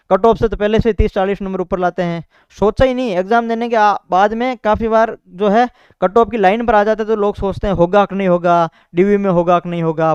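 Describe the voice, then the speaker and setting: A man's voice: high voice, darkish tone, clear, resonant tone, dry recording, lo-fi sound. A young man talks casually to exam students about his preparation, repeating himself and filling in with "bhai" and "theek hai". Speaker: exam topper sharing preparation strategy. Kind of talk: casual motivational talk to students.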